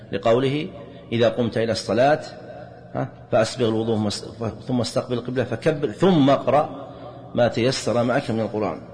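A man gives a measured Islamic jurisprudence lesson, explaining rulings point by point. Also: medium pitch, a little mellow. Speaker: religious teacher. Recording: hall reverb, faint background noise.

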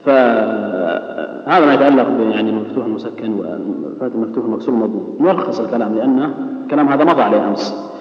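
A man teaching a Quran recitation lesson, explaining rules patiently and drawing out words slowly to demonstrate them. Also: medium pitch. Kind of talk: classroom lesson with recited examples. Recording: dull, echoey recording in a large hall.

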